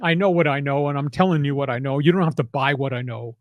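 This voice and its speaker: A man's voice: medium pitch, fast, dry recording. An older man hosting a sports podcast, talking in a punchy, emphatic way and going off on preachy rants. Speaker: sports talk host. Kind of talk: casual sports talk.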